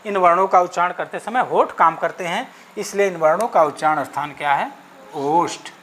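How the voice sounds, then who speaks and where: A man's voice: sits high, normal speed, fairly bright tone, slight background noise. A man teaching an exam-prep Sanskrit grammar lesson, asking questions and answering them himself, checking in often with "okay", and spelling out sounds one by one.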